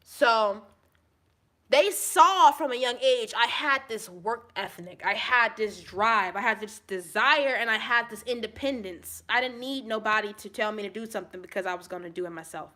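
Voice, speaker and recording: A woman venting straight to camera in a high, bright voice with a forceful edge. She rants angrily and profanely, repeating herself, at times loud and at times dropping low and quiet. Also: expressive, normal speed. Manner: angry, profane ranting with repeated phrases; swings between shouting and low, subdued talk. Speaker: vlogger.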